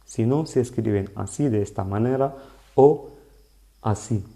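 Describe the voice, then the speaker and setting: A man teaching a live online lesson in Spanish, explaining slowly and patiently and often checking that his students follow. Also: fairly low pitch, gravelly, mellow. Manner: slow, patient explaining with frequent "¿vale?" checks. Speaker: Arabic teacher.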